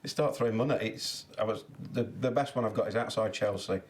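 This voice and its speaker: A man's voice: lowish voice, a little fast. A man, a charity cyclist chatting as an interview guest and laughing as he tells stories. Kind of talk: interview chat.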